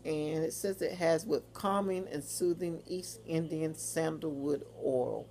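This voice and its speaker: A woman's voice: sits low, steady tone, a little slow, warm tone. A woman chatting casually in a rambling, informal way for a home haul video. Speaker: vlogger. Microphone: phone or webcam.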